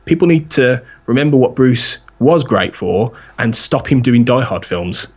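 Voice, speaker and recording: A man's voice: mid-range voice, animated, measured pace, breathy edge. Guy chatting on a podcast, rambly, laughs a lot. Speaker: podcast guest. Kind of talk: casual chat.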